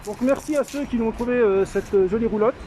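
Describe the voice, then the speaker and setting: A man with a notably high voice speaks through a face mask, slightly muffled. He talks informally and haltingly, as in a street video update, with clear traffic and urban noise around him. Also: mellow. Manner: halting, drawn-out hesitations. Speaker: street medic caring for a homeless man. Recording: noisy outdoor street with traffic.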